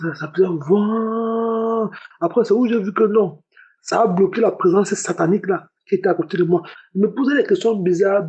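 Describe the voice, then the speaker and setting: A man's voice: high-pitched, dark tone, muffled recording. A young man giving a spoken religious testimony, earnest and repeating his words often. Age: young adult. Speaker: testimony giver.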